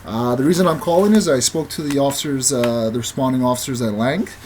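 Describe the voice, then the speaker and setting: A man leaving a voicemail to lodge a formal complaint, halting and full of hesitations. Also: medium pitch, darkish tone, a little hiss or hum. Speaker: caller.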